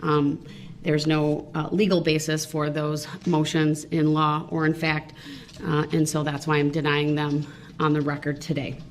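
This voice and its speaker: A woman judge giving firm, measured instructions and rulings, heard in a courtroom recording played back. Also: low voice, little pitch movement. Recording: echoey, distant, noisy courtroom recording.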